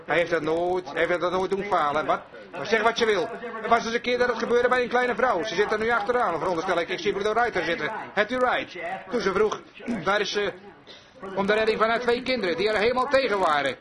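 A man with a high-pitched voice preaches a fervent revival sermon, circling back to the same phrases again and again. He speaks straight to his listeners, and the sound of a gathered congregation carries behind him. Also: fast, a crowd in the background. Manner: fervent, repetitive, addresses congregation directly.

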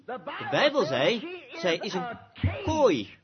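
A man preaches a fiery sermon in a high voice that swoops widely up and down. He speaks with passion and breaks into shouts. The recording is dull and lo-fi, with a crowd behind him. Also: wildly swooping pitch, slow. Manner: impassioned, rising to shouts.

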